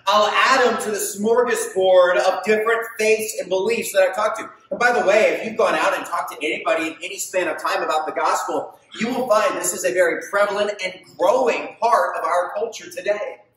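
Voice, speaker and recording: With a high, fairly bright voice, a man in his thirties preaches a little fast and barely pauses. He's a pastor on the stage of a big indoor hall, gesturing widely and quizzing the congregation with emphasis. The recording is very echoey, taken from far off.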